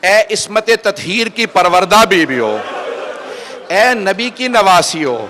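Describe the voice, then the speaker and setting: A man's voice: high-pitched, animated, bright, forceful tone, slight background noise. A man voicing a repentant, grieving warrior who begs forgiveness, pleading passionately and rising to cries. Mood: remorseful cry.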